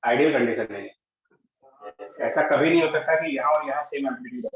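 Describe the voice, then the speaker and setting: A man's voice: mid-range voice, brisk. A man with an Indian accent teaching a live physics class, explaining step by step and checking in with his students. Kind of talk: live online physics lecture. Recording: echoey room, dull lo-fi sound.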